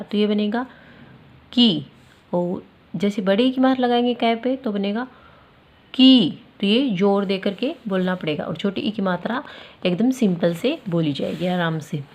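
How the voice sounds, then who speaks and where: A woman teaching a children's lesson, speaking clearly and stressing each syllable as she recites letters. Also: medium pitch, darkish tone.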